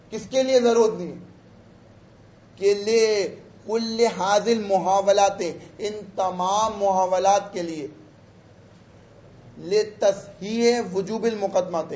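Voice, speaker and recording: A man teaching a class, reading Arabic phrases slowly and explaining them in a chatty, teasing way. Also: high-pitched, a little mellow, a little hiss or hum. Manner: chatty, teasing asides to students. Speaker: teacher of religious law. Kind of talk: lecture explaining an Arabic text. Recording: echoey, dull room recording.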